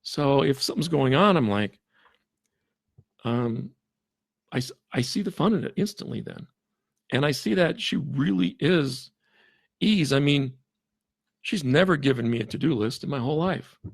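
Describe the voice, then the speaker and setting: A man with a gravelly, husky voice speaks haltingly as a podcast guest, restarting his sentences and chuckling along the way. The sound is close and dry, with no room around it. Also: mid-range voice, expressive, no room sound. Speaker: podcast guest, forensic interviewer. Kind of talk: casual interview talk.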